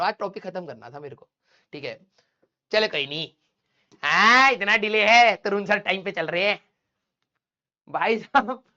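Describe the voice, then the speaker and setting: A man's voice: high voice, dry recording. Guy teacher rattling off a story to his class, voice jumps all over, a bit muffled. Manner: animated, quick storytelling with chatty asides to students.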